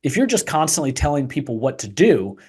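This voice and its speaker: A man's voice: on the high side, sing-song, a little fast, a little mellow, husky. A man co-hosting a business podcast, talking in a dry, sarcastic way with some hesitant restarts. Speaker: podcast co-host. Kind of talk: casual podcast chat.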